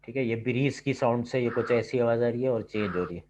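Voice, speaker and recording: A male lab instructor teaches a computer lab through a video call, sounding brisk and darkish at medium pitch. He explains step by step and checks in with "ठीक है" at each turn, while the computer-mic audio is slightly dull with faint background noise.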